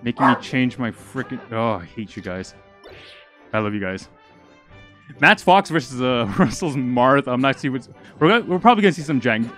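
Young man, esports commentator, out of breath, excitable, stumbling, faint music behind. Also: mid-range voice. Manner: excitable, rapid, stumbling over words. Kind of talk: live game commentary.

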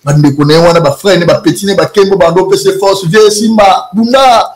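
A man's voice: high voice, fairly quick. A man in a heated debate, rambling as he mixes French and Lingala phrases. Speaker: guest.

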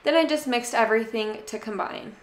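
A young woman narrating a casual cooking video from her home kitchen, chatty and relaxed, talking straight to her viewers. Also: a little high, fairly quick, reverberant. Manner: chatty, relaxed, addresses viewers as "you guys". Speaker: cooking channel host.

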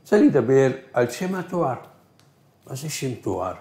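A male teacher whose first language is Arabic gives a recorded grammar lesson. He asks questions and answers them himself, slowing down on key words. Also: medium pitch, very animated, dark tone. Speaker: Hebrew teacher. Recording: echoey room.

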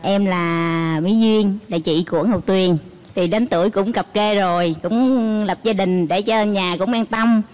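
Woman, contestant's older sister, polite, halting, average pitch. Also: fairly even intonation, darkish tone, smooth. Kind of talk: formal greeting and opinion.

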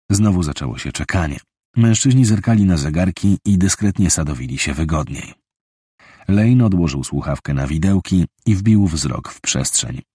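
A man reads a thriller audiobook with a deep, slightly husky voice. His delivery is steady and measured, and the studio recording sounds dry and close. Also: dry recording. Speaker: audiobook narrator. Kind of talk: scripted thriller narration.

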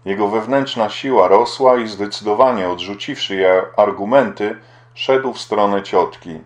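Low-voiced man narrating an audiobook. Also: moderate pace. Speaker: audiobook reader. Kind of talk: scripted narration.

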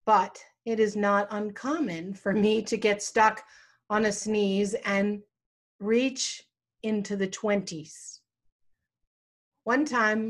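A middle-aged woman pastor preaching a sermon, telling a personal story with a slow storytelling cadence and dramatic pauses. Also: mid-range voice.

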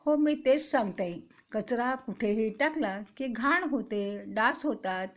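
A woman's voice: a little high, expressive, slow pace. A woman voicing a caring older sister who coaxes and teaches small boys in a children's story. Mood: coaxing. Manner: earnest, coaxing, motherly.

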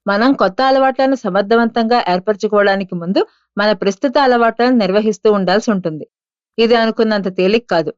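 Woman, audiobook narration, steady measured reading, close dry mic, slightly lo-fi sound. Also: mid-range voice, smooth, dry recording.

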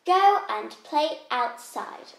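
A woman acting as a patient teacher in a playful classroom skit for children, speaking clearly with mock-strict moments. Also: high-pitched, big pitch swings, slow pace. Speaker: co-host playing a teacher. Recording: roomy echo.

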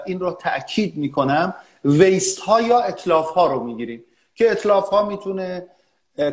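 A man answering interview questions as a business analysis expert, lecturing steadily with frequent hesitant fillers. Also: sits high. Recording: echoey room.

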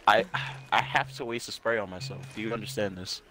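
A man's voice: on the low side, brisk. A man joking and complaining in a mock-indignant way while playing a co-op game. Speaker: gamer playing co-op. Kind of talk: casual gaming commentary.

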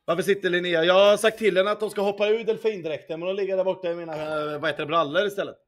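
A man's voice: sits high, fairly even intonation. A young man streaming casino games, chatting casually with his viewers, swearing often and humming along to the music. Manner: answers viewer chat as he plays. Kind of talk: casual livestream chat. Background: faint music.

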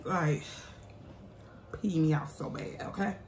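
A woman in her thirties, a vlogger and mukbang host, chats casually in a low, slow, slightly mellow voice. She's blunt, emphatic and sassy when answering viewer comments. She's indoors in a small bare-walled room at home, with roomy echo and faint background noise.

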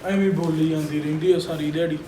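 A man playing a young husband who calmly tries to settle a quarrel, speaking. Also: a little high, quick pace, close to an everyday voice. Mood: placating. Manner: placating, calm. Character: mild young husband caught between wife and mother. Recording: echoey room from a far mic, faint noise.

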